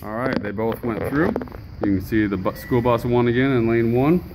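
A man's voice: medium pitch, normal speed, noisy background. A man casually walking through his homemade project in a basement, filming on a handheld phone, with lots of ums and uhs. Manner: relaxed, explanatory, many ums and uhs. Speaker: hobbyist maker demonstrating his build. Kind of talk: casual show-and-tell walkthrough. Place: home basement, indoors. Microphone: handheld phone camera.

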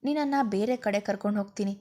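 A woman voicing a gentle young husband who soothes and teases in quick, coaxing speech. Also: medium pitch, natural voice.

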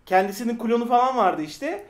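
A man co-hosting a casual film discussion, excitable and quick to interject. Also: extremely high pitch. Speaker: podcast co-host. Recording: echoey room.

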